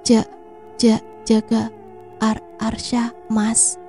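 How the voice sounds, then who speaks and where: A woman voicing a desperate young wife who pleads with her husband through tears, her voice going higher. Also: normal speed, warm tone, soft background music, close to an everyday voice. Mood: faint, dying. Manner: pleading, tearful.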